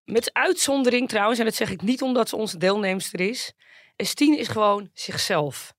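An outspoken, excitable woman chatting as a radio reporter in the studio. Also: mid-range voice, normal speed, dry recording. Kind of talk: casual radio chat.

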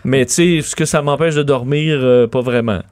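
A man's voice: medium pitch, normal speed, no echo. Guy hosting radio, laid back, pokes fun at himself, dry close mic. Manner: relaxed, self-mocking. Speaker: radio host. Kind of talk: casual radio chat.

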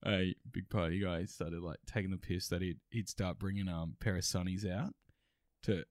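A man with an Australian accent and a lowish voice, recorded close and dry. He chats casually as a comedy podcast co-host, loose and sweary, with laughs scattered through his talk. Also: fairly even intonation, moderate pace, no echo. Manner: laid-back, sweary, laughs often.

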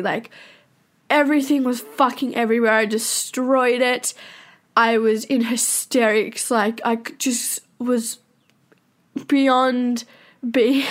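A young woman speaking candidly in a personal confessional monologue, swearing often and talking in fast bursts. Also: fairly high pitch.

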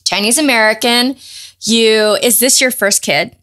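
A middle-aged woman hosting a podcast in loose, excitable casual chat, quick to laugh. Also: fairly high pitch. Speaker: podcast host.

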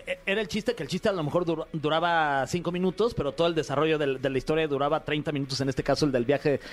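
A man's voice: a little high, fast talker. A man with a Mexican Spanish accent, a guest on a casual comedy podcast who laughs and chimes in a lot. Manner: laughs often, chimes in with short reactions.

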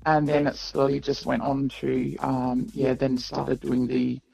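An anonymous woman caller speaking through an electronic voice disguiser that makes her sound deep, talking hesitantly with many pauses on a radio call-in. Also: flat delivery, vocal fry, mellow, poor audio. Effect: disguised voice, electronically lowered to sound deep.

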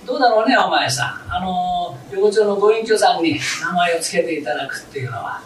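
A man's voice: sits high, animated, brisk, distant mic. A man playing a young wife and new mother who scolds and coaxes her husband, heard from afar in a roomy, noisy hall. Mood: coaxing.

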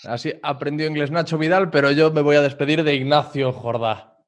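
A man's voice: fairly high pitch, steady tone, a little fast. A man from Spain hosting a podcast, friendly and informal. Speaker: podcast host. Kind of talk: podcast interview and outro.

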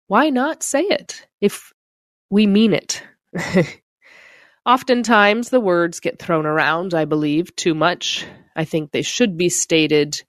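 A woman's voice: low-pitched, no echo, clean studio sound. A middle-aged woman hosting a motivational podcast, talking in a reflective, heartfelt way with frequent fillers. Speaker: podcast host. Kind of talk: casual motivational monologue.

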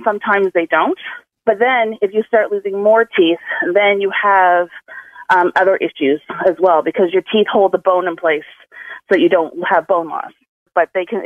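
A woman's voice: mid-range voice, dry recording. Woman caller on a dry radio line. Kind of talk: casual chat. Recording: phone call into radio, faint music.

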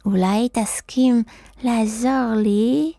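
A woman voicing an old, crooked, thin male wizard in a children's storybook, with a muffled, squeaky voice that barely moves the lips and a riddling, drawn-out singsong. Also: fairly even intonation, creaky, mellow, no room sound. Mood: sly, riddling. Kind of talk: storybook character voice.

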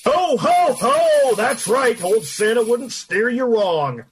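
An actor playing a jolly old Santa Claus in a radio drama, folksy and full of hearty ho-ho-hos. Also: male voice, very high-pitched, lively intonation, slow pace, husky, heavily acted.

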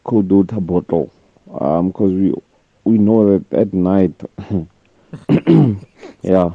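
A man's voice: low-pitched, extremely slow, vocal fry, no room sound. A man, a listener whose recorded voice message is played on air, giving advice hesitantly with fillers and chuckles. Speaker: listener sending in a voice note. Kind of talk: casual advice. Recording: dull lo-fi phone voice note.

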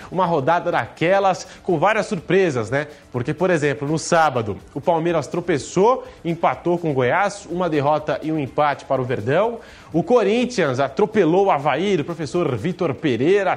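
A Brazilian man hosting a radio sports show, presenting a round-up in a chatty, energetic way. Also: on the high side.

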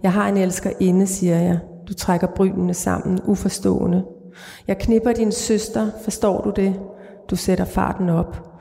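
A middle-aged woman author reads from her prose in a measured, flat, mellow voice. She speaks in a large church, and the long reverb of the hall trails each phrase. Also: medium pitch, vocal fry. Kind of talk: literary reading and interview answers.

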